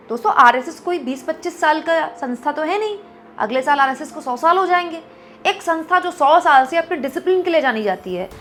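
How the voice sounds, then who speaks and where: A woman's voice: high voice, a bit bright. A woman giving political commentary straight to her viewers, pressing one rhetorical question after another. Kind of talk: direct-to-camera political commentary.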